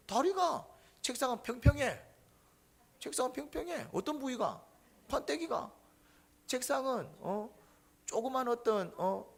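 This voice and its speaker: A man preaching a sermon, putting questions to the congregation and answering them himself, swinging between loud and soft. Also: high-pitched, vocal fry. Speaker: pastor.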